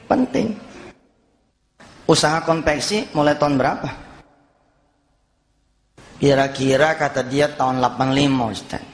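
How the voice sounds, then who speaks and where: A middle-aged man preaching a sermon, telling stories and acting out the dialogue with lively energy. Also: a little high, a little hiss or hum. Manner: lively storytelling, acts out dialogue. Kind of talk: sermon with anecdotes. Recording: long hall reverb.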